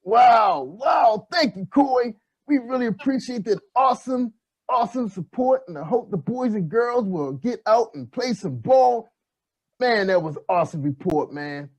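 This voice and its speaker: A man voicing an excitable boyish puppet who hosts a kids' show like an overbright party host, with a husky voice and hyped, exclamatory delivery. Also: extremely high pitch, normal speed. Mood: overbright, excited. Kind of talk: children's puppet show presenting.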